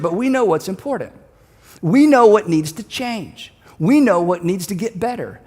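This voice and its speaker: Middle-aged male pastor, storytelling sermon, higher voice, long hall reverb. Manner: storytelling, rising to emphatic calls with the congregation.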